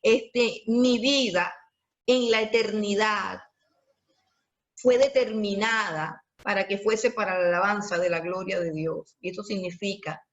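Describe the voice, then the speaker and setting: A woman's voice: mid-range voice, fairly even intonation, a little slow. Earnest woman pastor preaching, lo-fi sound. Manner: earnest, exhorting, quotes herself in asides. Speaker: pastor and theology teacher. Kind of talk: personal testimony sermon. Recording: dull lo-fi recording.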